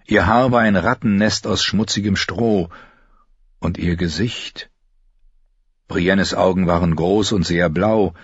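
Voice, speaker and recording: A man narrating an audiobook in an even, measured storytelling manner. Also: low voice, husky, no room sound. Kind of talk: scripted narration. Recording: dry, dull studio recording.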